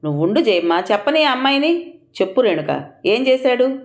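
A woman's voice: on the high side, sing-song, a little fast, voice pushed up. A woman voicing a firm middle-aged woman doctor who explains plainly and sternly.

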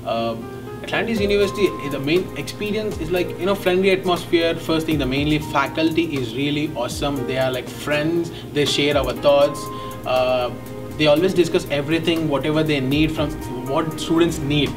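A young man with an Indian English accent, a graduate student giving a rambling, halting testimonial with many fillers. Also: a little high. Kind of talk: testimonial interview. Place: indoor studio set. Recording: distant mic, background music.

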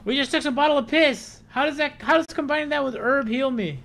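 A man's voice: very high-pitched, a little fast, creaky, a bit bright. A young man giving casual, reactive, profane live commentary as he streams a game. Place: small indoor room. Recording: game noise behind voice.

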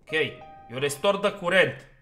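A man's voice: high-pitched, animated, bright, forceful tone, soft background music. A man giving let's play commentary on a horror game, talking himself through each step and getting easily exasperated. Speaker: gaming YouTuber.

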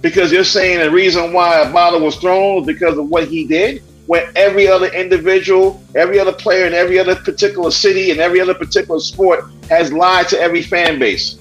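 High-voiced man hammering his point. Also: steady tone, fast talker, few pauses, fairly bright tone, soft background music, rough recording. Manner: emphatic, hammers the same point. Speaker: sports talk co-host. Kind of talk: heated panel debate.

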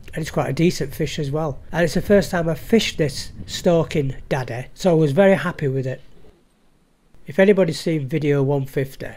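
Outdoors on a stillwater lake bank, a fly fishing vlogger with a mid-range, slightly mellow voice talks through his session. His casual commentary is chatty and matter-of-fact, captured on a head-mounted action camera.

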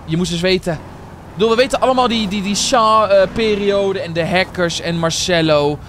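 A man's voice: high voice, normal speed, a bit bright, a little hiss or hum. A man, chatting casually with viewers and calling them guys and bro while playing a game. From Netherlands. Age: 20s. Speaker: streamer and server owner. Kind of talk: casual live-stream chat while playing.

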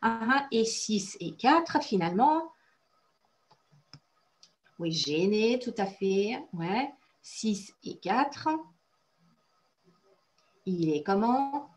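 A woman's voice: medium pitch, animated, extremely slow, long pauses. A woman teaching French in an online class, praising students often and explaining phrases step by step, with Russian as her native language.

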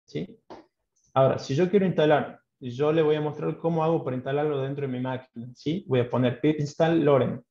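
A man with a Salta Argentine accent and a fairly high, gravelly yet warm voice speaks fairly quickly. He teaches an online programming class, explaining patiently and checking in often with a questioning "¿sí?", in dull, roomy online audio.

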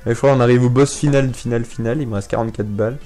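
A young man giving playful, casual commentary while playing a video game, repeating words and bursting out in sudden excitement. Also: medium pitch, fast, soft background music. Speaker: gaming YouTuber. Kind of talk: casual let's-play commentary.

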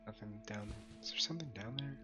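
A man with a hoarse, scratchy voice from being sick, casually commenting on a game as a streamer and muttering to himself while playing. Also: fairly low pitch, brisk, over music.

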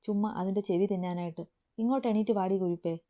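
A woman's voice: mid-range voice, fairly even intonation, fast talker, warm tone, close to an everyday voice. A woman reading the lines of a bossy, teasing young man in a family story, in a firm, scolding way. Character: bossy teasing young man, playful older-brother type.

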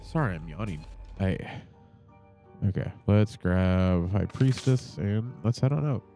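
A fairly low-voiced man with a stuffy, congested sound, chatting loosely as he plays. He rambles, swears freely and leans on lots of ums and uhs. Game music plays clearly underneath him. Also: animated, measured pace, mellow. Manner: rambling, swears often, frequent fillers. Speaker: gaming channel host. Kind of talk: casual gameplay commentary. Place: home setup with monitor.

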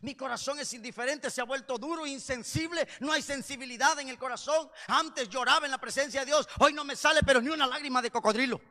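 High-voiced, impassioned male preacher. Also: fast talker, few pauses. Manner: impassioned, swings between loud cries and low intensity. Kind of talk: sermon. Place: church. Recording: long reverb of a church hall.

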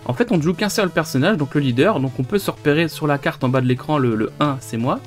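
A man's voice: fairly high pitch, quick pace, soft background music. A man hosting a retro gaming video, chatting loosely with many hesitations and restarts. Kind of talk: casual gameplay commentary.

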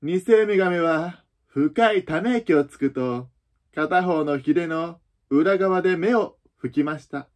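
A man narrating a children's storybook in a calm, even reading voice, with the odd slip and restart. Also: a little high, unhurried.

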